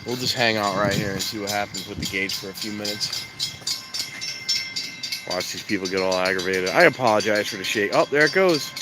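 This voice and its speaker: A man with a fairly low voice and a stuffed-up nose talks briskly in a casual live stream, vlogging about train spotting from an outdoor railroad crossing in a rambling, easygoing manner. Loud music sits behind him, and the poor audio from his handheld camera mic includes wind noise, loud traffic, and outdoor sound.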